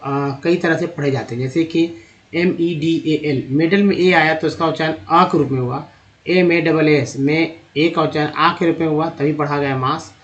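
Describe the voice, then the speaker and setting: A man with a fairly high voice teaches English reading in a steady, patient way. He sounds out words slowly, syllable by syllable, and keeps repeating them as he explains vowel patterns. The recording is dull and lo-fi. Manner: slow, drawn-out spelling and sounding out of words; explains with repeated patterns and direct address to viewers. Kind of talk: spoken language lesson.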